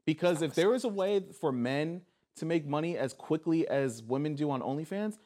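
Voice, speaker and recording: A man's voice: on the high side, expressive, moderate pace, dark tone. A young man hosting a casual podcast, joking and arguing his point with frequent laughs. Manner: joking, argumentative, laughs often. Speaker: podcast host. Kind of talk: casual chat.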